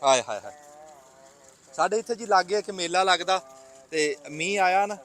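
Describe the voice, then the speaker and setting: A man's voice: sits high, moderate pace, fairly bright tone. A man with a Punjabi accent chatting casually as a vlog host, in a wistful, reflective way. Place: outdoors in a rainy village. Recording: noisy outdoor vlog with vehicle and ambient noise.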